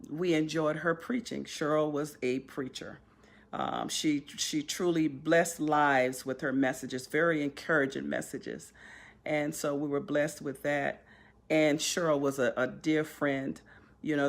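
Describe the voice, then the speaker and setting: Rambling woman with warm memories. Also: low-pitched. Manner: rambling, many fillers and restarts, laughs easily. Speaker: friend giving a memorial tribute. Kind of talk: informal spoken tribute.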